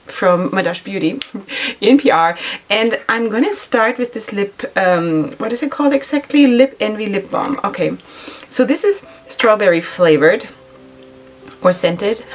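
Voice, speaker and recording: A giggly, chatty beauty vlogger whose first language isn't English gives a casual makeup tutorial from her home makeup setup in Israel. She speaks at a medium pitch with many fillers.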